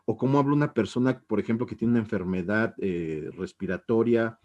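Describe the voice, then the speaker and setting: A man's voice: on the low side, brisk, a little mellow, muffled recording. A man teaching an introductory linguistics class, speaking hesitantly with many restarts and tag questions. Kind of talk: informal recorded lecture.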